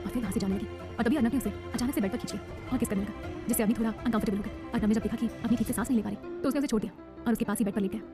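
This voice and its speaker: A woman narrating a romance audiobook in a rapid, dramatic storytelling style. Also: on the high side, fairly even intonation, over music.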